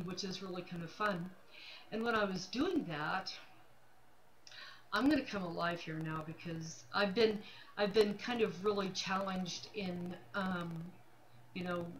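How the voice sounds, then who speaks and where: Her voice pitched fairly low but fairly bright in tone, a 59-year-old woman who works as a self-employed realtor speaks frankly and informally to her livestream viewers. She repeats phrases to stress her points. The audio is poor, with a bit of background noise.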